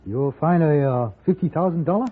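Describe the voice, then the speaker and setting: Hey Boy, high-pitched eager servant. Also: brisk, husky, narrow, tinny audio, faint music behind. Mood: eager, curious. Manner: broken English, eager questioning. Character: eager, deferential Chinese male hotel servant, curious. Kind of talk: 1950s radio Western acting. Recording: band-limited 1950s radio recording.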